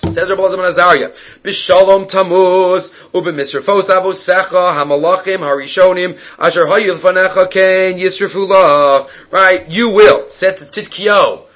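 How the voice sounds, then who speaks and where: Guy w a high voice giving an informal talmud class, repeats phrases, kinda muffled recording. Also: normal speed, a bit bright. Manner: explains in short repeated phrases, switching between Hebrew text and English. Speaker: Talmud teacher. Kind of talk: informal religious text lesson.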